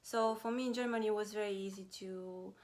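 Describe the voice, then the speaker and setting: A woman in her thirties, originally from Romania, talking to her viewers in a casual personal vlog, pausing often with fillers. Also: medium pitch, steady tone. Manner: hesitant, many pauses and fillers. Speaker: vlogger. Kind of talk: casual personal talk to camera.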